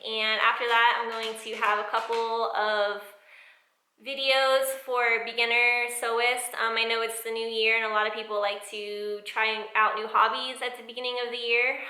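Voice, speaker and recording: An American woman giving a casual, rambling vlog update in an informal, chatty way, recorded in an echoey room with high ceilings. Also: flat delivery, normal speed, sharp tone. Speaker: sewing vlogger. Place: indoors in new home, bare high-ceilinged room.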